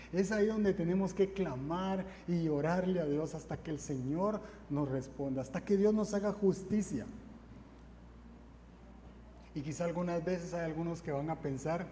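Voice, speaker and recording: A fervent preacher, a man whose fairly high voice sits on a warm, mellow tone. He presses his points again and again with repeated refrains. He is heard in a long-ringing church hall with a faint hum behind him. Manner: fervent and repetitive, drives points home with refrains. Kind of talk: sermon. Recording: echoey hall, faint ambient noise.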